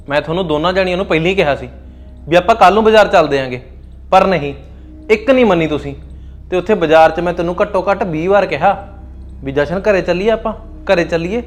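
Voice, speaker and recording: A man playing a young Punjabi husband with a fairly high voice, firm and lecturing, keeping his temper mostly low. Faint music sits under the scene of this short drama. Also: natural voice. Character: young husband caught between parents and wife. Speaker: son and husband. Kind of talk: Punjabi short film acting.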